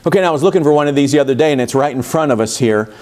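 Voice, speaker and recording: A man, a pastor, leads an informal Bible study. He is conversational and halting, with frequent restarts. He keeps putting questions to his listeners. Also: medium pitch, a little mellow.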